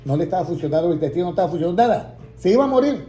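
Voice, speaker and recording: Male preacher, storytelling testimony, somewhat high voice, roomy sound with faint ambience. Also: expressive, very fast, mellow, soft background music. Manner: storytelling, acting out quoted voices, rising to emphatic peaks.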